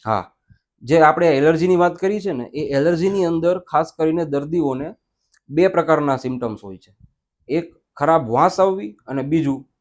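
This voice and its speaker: A male ENT doctor explains conditions at a steady, measured pace. His voice sits a little higher than most men's. He mixes English medical words into his explanations. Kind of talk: medical interview answers.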